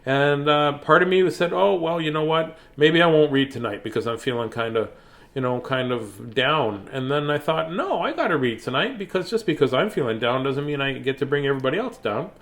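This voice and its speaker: This children's bedtime story reader is a man who chats with viewers and reads in a goofy, playful way, breaking into singsong scats. His fairly bright, rather high voice is expressive and moves a little fast.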